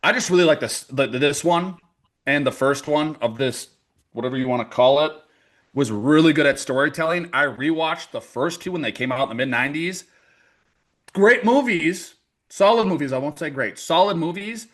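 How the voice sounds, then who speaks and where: A man's voice: mid-range voice, fairly quick, a bit bright. Joking, rambling podcast host, a man. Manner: rambling, joking, restarts often. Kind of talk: casual podcast chat.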